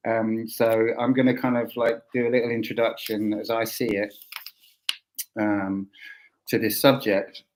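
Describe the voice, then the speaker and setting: A man's voice: lowish voice, level tone, measured pace, poor audio. A man with a southern English accent hosting an informal roundtable, thinking aloud and often rephrasing. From Essex, England. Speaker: host.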